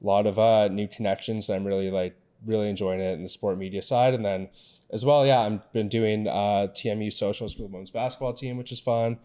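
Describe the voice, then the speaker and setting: A man in his twenties from Canada, co-hosting a podcast in a relaxed, rambling chat. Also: on the low side, fairly quick. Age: 20s. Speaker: podcast co-host. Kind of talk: casual chat.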